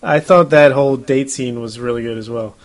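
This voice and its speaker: A man's voice: mid-range voice, fairly even intonation, brisk. A man casually discussing a movie with a friend, chatty, with frequent laughs and fillers. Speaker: movie review co-host.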